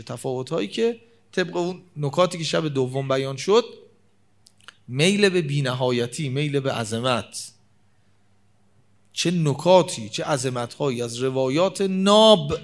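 A man delivers a sermon from the pulpit in a fairly high voice. He builds emphatically, drops to a hush, and slows down whenever he quotes scripture. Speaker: preacher.

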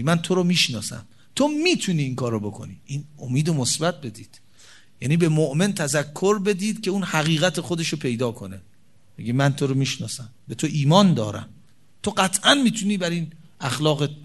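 A man preaching a sermon, reciting Arabic sayings slowly and explaining them in a conversational tone, swinging between loud emphatic peaks and soft low asides. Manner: quotes Arabic hadith slowly, then explains in colloquial Persian. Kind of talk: religious sermon.

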